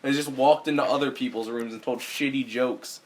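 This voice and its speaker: A man's voice: mid-range voice, steady tone, normal speed, noisy background. A teenage boy co-hosting a podcast, chatting and mimicking people as he tells stories. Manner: chatty storyteller, mimics others' voices. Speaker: podcast co-host. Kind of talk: casual chat.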